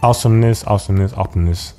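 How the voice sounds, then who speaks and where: Upbeat low-voiced male podcast host. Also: rapid-fire, dark tone, faint music behind. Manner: upbeat, playful, repeats words for emphasis. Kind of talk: casual podcast interview.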